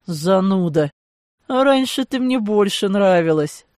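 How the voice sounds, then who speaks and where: A woman voicing a hoarse, hungover German man who grumbles and sulks in an audiobook. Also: mid-range voice, lively intonation, slow, a little mellow, dry recording, clean studio sound. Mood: sulky. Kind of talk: audiobook character voice.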